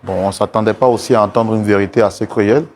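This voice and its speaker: A man hosting a talk show, trying to calm a distressed guest and repeating the same pleas over and over. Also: lowish voice, fast talker, slight background noise. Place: TV studio set.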